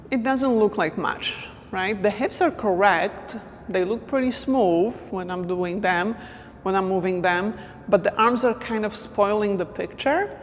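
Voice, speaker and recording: A woman's voice: mid-range voice, a little hiss or hum. Woman dance teacher chatting thru moves, counting beats under her breath, echoey room. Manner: counts beats softly while demonstrating. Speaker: dance instructor. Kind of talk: casual instructional talk.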